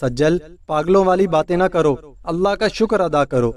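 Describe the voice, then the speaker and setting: A man's voice: on the high side, darkish tone, recorded from a distance, lightly acted. A man voicing a tired, feverish young husband who mutters wearily and snaps in irritation. He keeps close to his own voice, set back from the mic. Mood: irritated.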